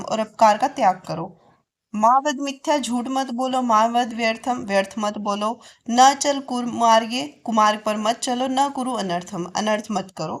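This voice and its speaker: A woman teacher, reading Sanskrit lines aloud and then explaining each one in a lesson. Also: fairly high pitch.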